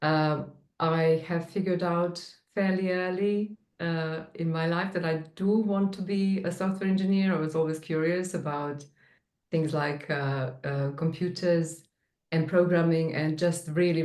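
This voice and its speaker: A woman's voice: deep voice, steady tone, unhurried, a little mellow, reverberant. A woman from Serbia with a Serbian accent, a guest in a casual interview, talking with many fillers and restarts and laughing easily. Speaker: guest, tech manager.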